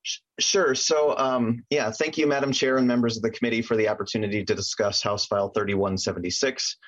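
Husky low-voiced American male legislator. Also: fairly even intonation, fairly quick, no echo. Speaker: legislator presenting a bill. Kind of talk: prepared formal testimony with informal asides. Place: remote meeting call. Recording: muffled lo-fi remote meeting audio.

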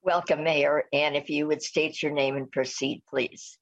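An American woman chairing a remote meeting, speaking formally and procedurally with a halting, hesitant delivery. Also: low-pitched, steady tone, no room sound. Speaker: committee chair. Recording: muffled lo-fi remote meeting audio.

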